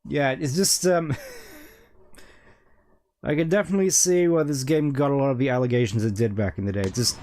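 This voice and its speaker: A man's voice: mid-range voice, moderate pace, long pauses, darkish tone. A man giving casual live game commentary as a streamer, musing and rambling wryly. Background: game music.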